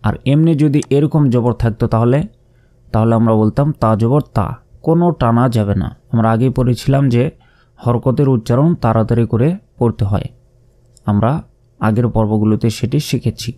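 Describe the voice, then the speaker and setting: A man with a Bangladeshi Bengali accent leads a Quran reading lesson. His voice is dark and mellow at a middle pitch, and he explains patiently, saying each letter and sound aloud again and again. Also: a little fast. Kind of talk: step-by-step recitation lesson.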